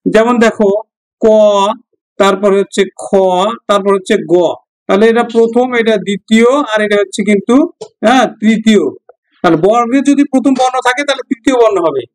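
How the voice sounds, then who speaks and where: A man with a Bangladeshi Bengali accent teaches an exam-prep grammar lesson in a fairly high voice. He moves step by step, poses questions to his students and answers them himself. He repeats each example to drive it home. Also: a little fast, low-quality recording.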